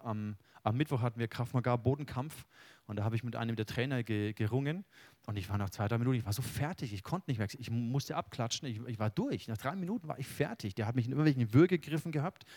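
A man's voice: mid-range voice, no echo. Earnest man preaching a sermon. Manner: earnest, personal anecdotes, wide swings between loud and hushed. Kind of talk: sermon with Bible reading.

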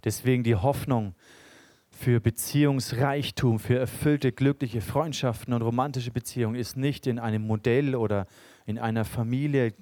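A man's voice: mid-range voice, fairly even intonation, normal speed, warm tone, no room sound. A young man preaching a sermon, earnest, reading scripture aloud and building in emphasis.

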